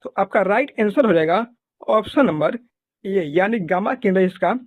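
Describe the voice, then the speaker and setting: The recording is dry and sounds like a phone line, carrying an expressive, medium-pitched voice at normal speed. It's an exam prep teacher methodically going through quiz questions, choices and answers, instructing with repetitive stock phrasing.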